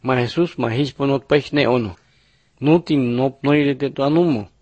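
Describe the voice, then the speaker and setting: Man, religious lesson narration, steady measured reading, mid pitch, dry close sound. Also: husky, dry recording, dull audio. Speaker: narrator of Bible picture lessons.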